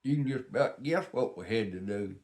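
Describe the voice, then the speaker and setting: Older male, Southern US accent, lowish pitch, casual folksy storyteller, unpolished and rambling. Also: expressive, fairly quick, noisy background. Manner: folksy, plain-spoken reminiscing. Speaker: vlogger.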